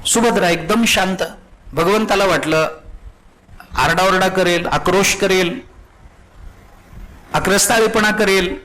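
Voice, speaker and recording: A man preaches in a high, bright voice, narrating a devotional story. He quotes scripture and acts out the dialogue expressively. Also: a little slow, long pauses, slight background noise, low-quality recording.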